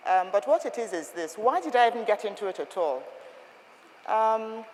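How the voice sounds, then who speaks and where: A woman's voice: medium pitch, animated, moderate pace, darkish tone, slight background noise. A woman giving a firm, instructive talk on etiquette to a group, asking rhetorical questions. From Nigeria. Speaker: etiquette trainer. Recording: long reverb of a hall.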